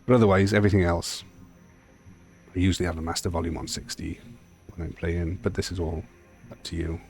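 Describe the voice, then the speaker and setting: A man's voice: low voice, fairly even intonation, fairly quick, darkish tone, faint music behind. A man with a Welsh accent giving a casual, blunt and rambling walkthrough of game settings as a video host. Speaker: sim racing video host.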